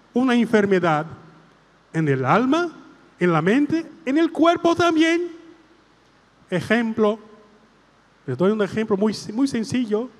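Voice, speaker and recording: A man preaching a sermon as a priest, in slow, deliberate phrasing broken into short pieces. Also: high-pitched, big-room sound.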